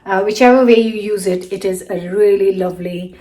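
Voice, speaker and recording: Talking briskly in a mid-range, mellow voice with fairly even intonation, a woman hosts a home cooking video. She chats to camera and can't stop raving about the food in her kitchen.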